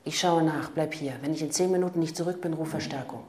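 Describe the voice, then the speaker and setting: A man's voice: fairly high pitch, steady tone, fast, a little mellow, roomy sound, natural voice. A woman reading the lines of a wry, guarded male police detective in an audiobook, in a dry, curt manner. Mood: firm.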